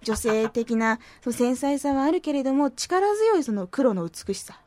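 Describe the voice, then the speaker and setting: Reading listener posts on her radio show, this woman chats casually in a playful, self-mocking way with a slight lilt, sometimes doing silly voices. Her voice sits high and expressive at a moderate pace, over a noisy background.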